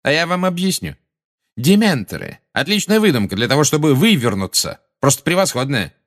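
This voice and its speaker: A man's voice: medium pitch, sing-song, brisk, a bit bright, pitched above the performer's own voice. A man voicing a pompous, scornful middle-aged minister with a sneering, haughty manner in an audiobook.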